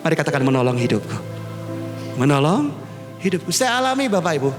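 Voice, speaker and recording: A man preaches to his congregation in a high, lively voice that swings up and down. His sermon rings through a large hall with a long echo. Soft music plays underneath. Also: quick pace. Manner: animated preaching, addresses congregation as Bapak Ibu. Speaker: pastor. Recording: reverberant hall with music behind.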